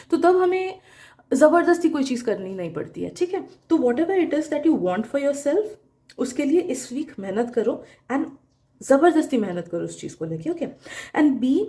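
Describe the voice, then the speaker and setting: A woman's voice: sits high, dark tone. A woman giving weekly tarot guidance, coaching viewers and often checking in with "okay?". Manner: coaching, mixes Hindi and English, frequent "okay?" check-ins. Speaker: tarot reader.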